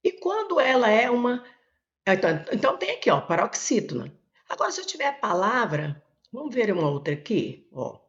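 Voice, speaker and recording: A woman's voice: fairly high pitch, big pitch swings, fairly quick. A Brazilian woman teacher working step by step through exam questions, pointing things out with frequent "ó" and "olha". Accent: Brazilian Portuguese. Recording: echoey room, dull lo-fi sound.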